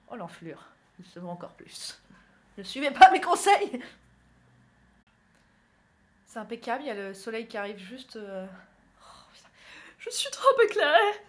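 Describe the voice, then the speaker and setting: A young woman from northern France, chatty and self-mocking, talking through her makeup routine in a casual tutorial. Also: medium pitch. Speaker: beauty vlogger. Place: indoors at home, by a window.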